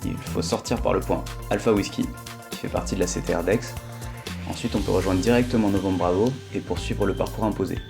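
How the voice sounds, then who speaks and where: A man's voice: low voice, fairly even intonation, brisk, creaky. A man narrating a flight as its pilot, in an explanatory voice-over. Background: music.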